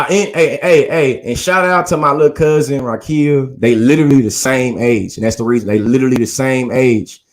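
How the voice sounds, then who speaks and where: A man recapping a debate in casual talk, earnestly laying out long chains of reasoning and leaning on the word "literally". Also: mid-range voice.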